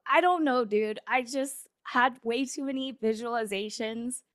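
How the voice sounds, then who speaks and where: A woman's voice: fairly high pitch, a little slow, a bit bright. A woman co-hosting a podcast, telling a story in casual chat with lots of fillers and restarts. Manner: rambling, filler-heavy storytelling. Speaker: podcast co-host.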